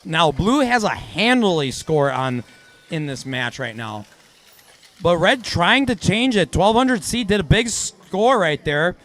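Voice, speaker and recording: A man commentating on a robotics match in a loose, halting play-by-play way. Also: sits high, sing-song, fairly bright tone. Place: event hall.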